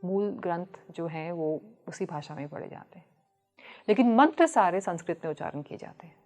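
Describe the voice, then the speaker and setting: A woman, a Buddhist nun, speaking in a calm, measured way as a podcast guest, slipping English phrases into her talk. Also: fairly low pitch, faint music behind.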